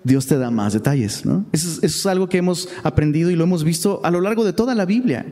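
A man's voice: fairly high pitch, expressive, quick pace, warm tone, long reverb tail. A man with a Mexican accent teaching a Bible study in a chatty, conversational way, often checking in with rhetorical questions.

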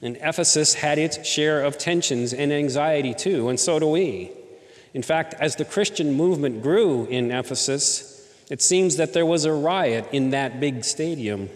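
A man's voice: a little high, in a large hall. A man preaching a sermon as pastor, in a conversational way, often asking the congregation rhetorical questions. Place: church in Southern California.

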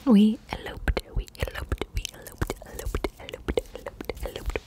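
A woman in her twenties from Colombia, whispering in a casual ASMR question-and-answer session, softly repeating words over and over. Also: normal speed. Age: 20s. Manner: casual, swears freely. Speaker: ASMR creator.

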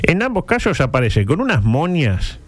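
A man's voice: on the high side, wildly swooping pitch, moderate pace, dry recording. A man with a Uruguayan accent gives humorous, conversational commentary as a radio host, in a colloquial, digressive and mock-serious way. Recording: music playing behind the voice. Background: background music.

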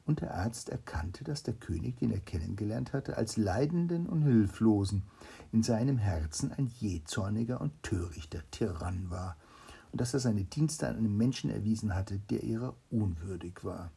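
A man reading a fairy tale aloud to a child, with a gravelly, husky voice. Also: fairly low pitch, lively intonation, moderate pace, warm tone. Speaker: storyteller.

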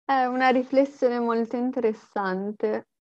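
A woman's voice: a little high, steady tone, measured pace, a little mellow, no echo. Female interviewer on dull, lo-fi audio. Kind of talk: polite interview questions. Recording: dull lo-fi sound.

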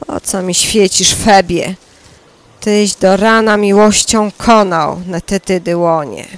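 A woman's voice: medium pitch, lightly acted. A woman playing a young, lovesick male shepherd, reciting lyrical verse. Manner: lyrical, lingering delivery.

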